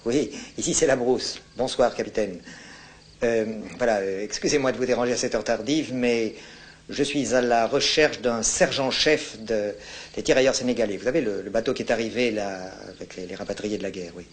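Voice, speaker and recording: An actor playing a composed French army captain who speaks calmly and politely on the telephone. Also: male voice, medium pitch, natural voice. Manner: calm, polite, unhurried formal phone talk. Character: composed French colonial captain, courteous and detached. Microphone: telephone call.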